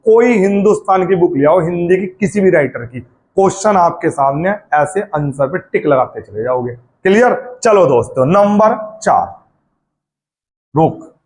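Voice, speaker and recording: High-voiced grammar teacher. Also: male voice, expressive, a little slow, darkish tone. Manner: addresses students as friends, repeats drills and checks understanding. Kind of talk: exam-prep Hindi grammar lesson.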